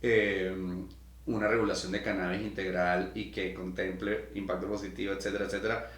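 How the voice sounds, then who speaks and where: A man's voice: deep voice, flat delivery, a little fast, fairly bright tone, roomy sound. A man from Venezuela hosting a podcast interview, talking in long, enthusiastic, rambling runs. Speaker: podcast host. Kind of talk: casual interview conversation.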